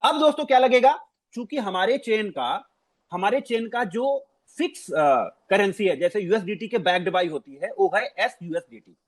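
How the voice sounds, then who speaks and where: A male presenter with a high voice speaks at a normal speed in a recording free of room sound. His screen-share walkthrough is casual and animated, full of repeated phrases and English words mixed in.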